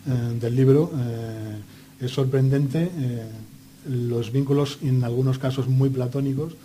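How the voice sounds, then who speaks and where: Measured, dark-voiced Spanish man. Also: mid-range voice, steady tone, a little hiss or hum. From Spain. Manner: measured, hesitant with frequent fillers. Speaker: guest historian. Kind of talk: radio panel discussion.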